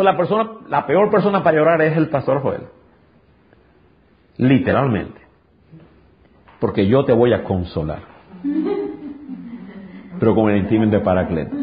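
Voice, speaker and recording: A male pastor preaching an impassioned sermon, swinging from high, forceful peaks down to low, intimate tones. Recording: dull lo-fi sound.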